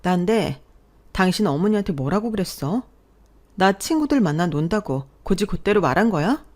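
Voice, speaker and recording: A woman's voice: fairly low pitch, animated, normal speed, a little mellow. A woman voicing a young wife who is fed up with her mother-in-law, speaking sharply in a radio drama. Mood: angry. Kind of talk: Korean radio drama acting.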